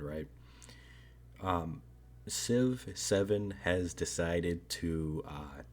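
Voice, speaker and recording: A man's voice: sits low, a little mellow. A man giving casual, rambling video commentary on a strategy game, hedging often and tagging thoughts with "right?".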